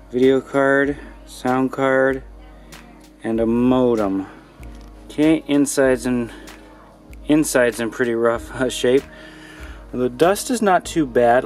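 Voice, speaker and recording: A man talks into a handheld camera as he wanders through cluttered rooms, curious and upbeat, thinking aloud with plenty of fillers. His voice sits at an ordinary middle pitch. A little music plays faintly underneath. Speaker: vlogger exploring and inspecting an old computer. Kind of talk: casual handheld vlog narration. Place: cluttered indoor rooms of an empty house. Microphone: handheld camera mic.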